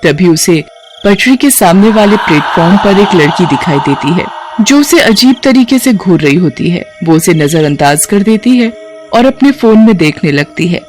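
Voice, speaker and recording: A woman narrating a moral cartoon story in a steady storytelling way. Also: fairly low pitch, normal speed, faint music behind.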